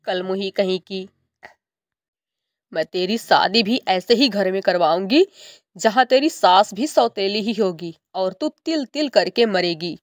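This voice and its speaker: A woman's voice: medium pitch, a little slow, dry recording, studio quality, lightly acted. A woman voicing a cruel stepmother bird in a cartoon story, harsh, taunting and bossy. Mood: bitter. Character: cruel, scolding adult female stepmother bird.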